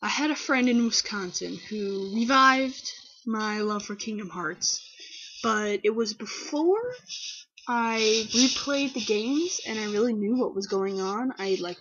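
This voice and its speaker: A young woman with a slightly husky voice chats candidly with viewers and wanders into animated stories. Her pitch sits in an ordinary middle range. The webcam audio is dull and lo-fi. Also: normal speed. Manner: candid, rambling, animated storytelling. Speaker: vlogger answering viewer questions. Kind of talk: casual chat.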